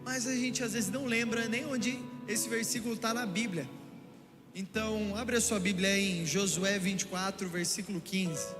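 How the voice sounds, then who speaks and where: A young man with a Brazilian Portuguese accent preaching a sermon, telling lively stories and speaking straight to the congregation. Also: high voice, moderate pace. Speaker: pastor. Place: church hall. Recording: echoey church hall with music.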